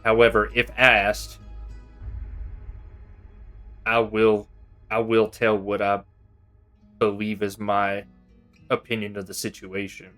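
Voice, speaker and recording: A man's voice: lowish voice, monotone, slow, pauses often, pushed and bright. Man playing an earnest, hesitant crew member. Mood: sober, measured. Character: earnest, worried male crew member reluctantly agreeing. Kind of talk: in-character tabletop role-play. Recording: faint music behind.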